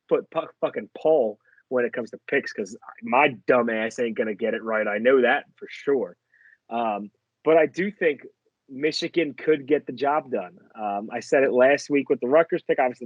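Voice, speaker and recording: A man's voice: mid-range voice, no room sound, lo-fi sound. A man from the Philadelphia and New York area with a New York accent, co-hosting a casual sports betting podcast, rambling and correcting himself as he goes. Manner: rambling, self-correcting, fast bursts. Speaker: podcast co-host.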